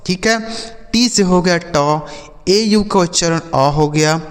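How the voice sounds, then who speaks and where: A man's voice: high voice, takes it slowly. A man teaching an English phonics lesson, spelling out letters and then sounding out each word, often asking the viewer questions. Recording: long hall reverb.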